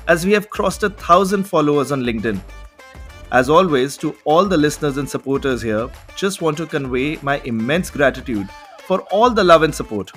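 A podcast host with a fairly high, slightly bright voice offers polished, welcoming introductions and steers the conversation. He often says "you know."

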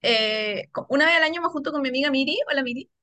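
A Chilean woman telling a story on a casual podcast chat, animated and slangy, laughing often. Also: high voice, quick pace, no room sound. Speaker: podcast co-host.

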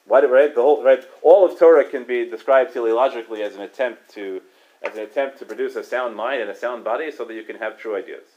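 This man has a medium-pitched, dark voice, and the audio lacks its high frequencies. As a Torah teacher running a loose Talmud class, he talks conversationally, keeps saying "right?", restarts quickly, and chuckles.

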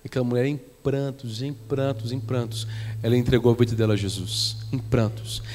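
A man's voice: mid-range voice, fairly even intonation, brisk, long reverb tail, slight background noise. A man with a Brazilian Portuguese accent preaching a sermon, telling stories and repeating phrases for emphasis. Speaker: pastor. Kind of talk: sermon with storytelling. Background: soft guitar from the worship band.

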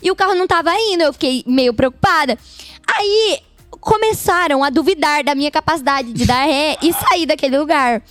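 A woman with a Brazilian accent, a podcast guest telling a story in an animated, indignant way. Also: sits high, moderate pace. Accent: Brazilian Portuguese. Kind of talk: casual chat.

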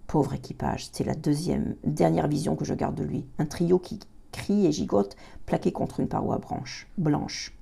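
A woman reading a novel aloud, slow and dramatic, sinking into a breathy hush in tense passages and stumbling and correcting herself now and then. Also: deep voice. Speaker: reader of a novel.

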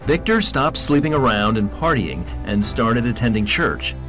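Measured male documentary narrator. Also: medium pitch, very animated, a bit bright, soft background music.

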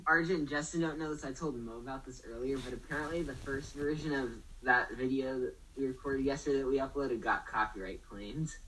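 A man's voice: medium pitch, fairly quick, few pauses, fairly bright tone, breathy edge, recorded from a distance, poor audio. A man co-hosting a casual video call chat, explaining things in an offhand way. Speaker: co-host.

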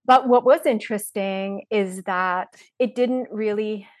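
Speaking at a measured pace with a medium-pitched voice, this Polish breathwork and mindset mentor in her forties reflects openly as a podcast guest. Her casual interview talk is full of fillers, recorded dry with clean studio sound.

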